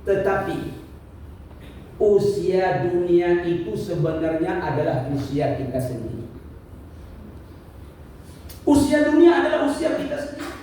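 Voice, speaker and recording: Warm and expressive, a high-voiced man in his fifties preaches at a measured pace, pausing often as he asks rhetorical questions, repeats himself, and lightly jokes with the congregation. Slight background noise accompanies the distant, echoey hall recording.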